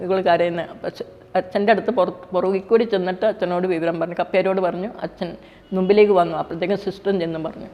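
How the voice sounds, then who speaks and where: A middle-aged woman, a mother, telling a personal faith story in quick, plain speech full of restarts. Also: fairly low pitch. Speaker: mother giving a faith testimony. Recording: dull, reverberant, with soft music behind.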